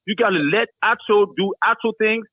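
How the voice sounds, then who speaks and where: A man from Cameroon calls in to a sports show over a tinny phone line with a dry sound. His voice is high-pitched and moderately paced, and he keeps restarting and repeating words before getting his point out.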